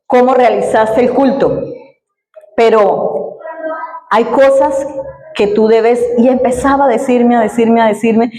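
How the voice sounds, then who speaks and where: A woman pastor preaches in a fairly high voice. She tells her story earnestly and acts out the dialogue. The sound bounces around a roomy church hall. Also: mellow. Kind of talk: sermon.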